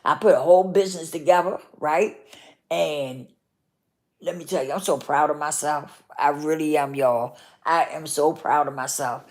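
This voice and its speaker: A woman with a lowish voice and talks straight to her listeners in an earnest motivational heart-to-heart. She repeats herself for emphasis and keeps checking in with "okay?" and "right?". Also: moderate pace. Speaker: vlogger.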